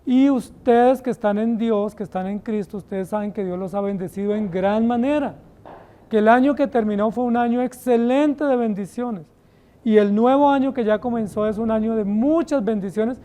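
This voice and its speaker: A man's voice: sits high, moderate pace, warm tone. A male pastor with a Colombian accent preaching a sermon, emphatic and asking the congregation rhetorical questions. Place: church.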